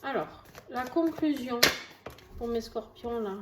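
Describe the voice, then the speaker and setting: Her voice sits on the high side, expressive and slow, and the recording is very noisy. A southern French tarot reader, she chats reassuringly through a casual reading to camera with lots of fillers and asides, in an echoey room with faint music behind her.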